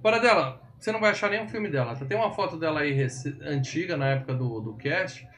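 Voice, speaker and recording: A man's voice: a little high, animated, fairly quick, fairly bright tone. A man co-hosting a casual film podcast, chatty and joking with wry asides. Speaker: podcast host.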